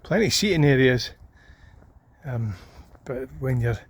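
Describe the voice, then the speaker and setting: A man's voice: mid-range voice, animated, unhurried, husky, no echo. A man narrating a casual travel vlog, musing aloud with frequent ums and restarts as he drives and walks around a town. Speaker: travel vlogger. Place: on the road and outdoors in a small town.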